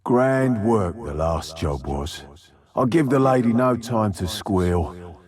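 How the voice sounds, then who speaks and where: An actor playing a deranged, sadistic Victorian serial killer in a video game, with a gravelly, husky British voice and a theatrical, taunting delivery. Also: male voice, lowish voice, expressive, a little mellow. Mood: gleeful, sinister. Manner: theatrical, taunting, drawn-out menace.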